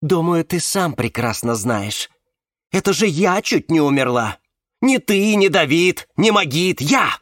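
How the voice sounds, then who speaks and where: A man reading a novel aloud, voicing a bitter, sharp-tongued young woman with a raised, biting voice. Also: medium pitch, very animated, normal speed, no room sound, clean studio sound, voice pushed up. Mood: accusing. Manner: scornful, biting.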